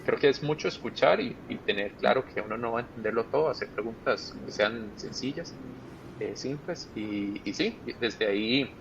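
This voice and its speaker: A project manager from Costa Rica, speaking with a Costa Rican accent, is interviewed over a video call. He has a gravelly voice at a moderate pace and explains ideas step by step using plain examples. The call audio is muffled with a faint rumble.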